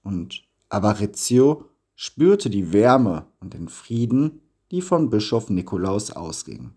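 Male storyteller, husky voice, slow pace, lively intonation, storybook narration. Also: lowish voice.

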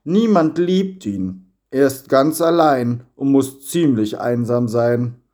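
A man voicing a kind, wise old bishop who speaks calmly and gently. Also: medium pitch, takes it slowly. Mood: gentle. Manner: calm, gentle speech.

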